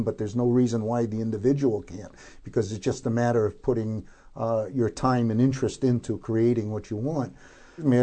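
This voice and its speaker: An older man with a soft-edged, mellow voice explains practical gardening in an informal interview. He sits at a middling pitch for a man and speaks haltingly, often hunting for the right word. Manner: halting, searching for words.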